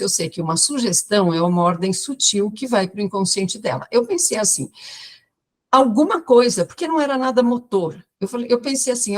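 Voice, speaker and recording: Mulher de setenta anos, narradora animada. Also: female voice, mid-range voice. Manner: lively storyteller, acts out quoted voices. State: tired from talking all day. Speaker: guest speech therapist. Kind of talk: storytelling in a podcast interview.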